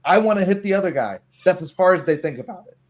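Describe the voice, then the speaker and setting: Chatting casually about tabletop game rules, this tabletop roleplaying group's game master rambles along and voices imagined remarks. He talks at a quick pace, his voice sitting high with lively intonation.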